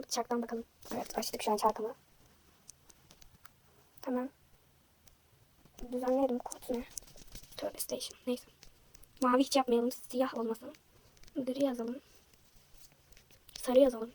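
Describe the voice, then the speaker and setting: A young woman vlogger chatting casually while she draws, self-deprecating and thinking aloud, her voice slightly hoarse from a sore throat. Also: fairly high pitch, level tone, normal speed, long pauses, darkish tone. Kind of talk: casual chat while drawing.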